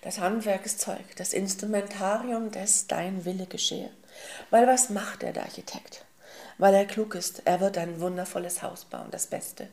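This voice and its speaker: A woman with a gravelly, creaky voice delivers a spiritual teaching as a slow, emphatic parable. Her pitch sits in an ordinary middle range. She addresses her listeners tenderly as souls and beloved ones, pausing with soft hums between thoughts. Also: steady tone.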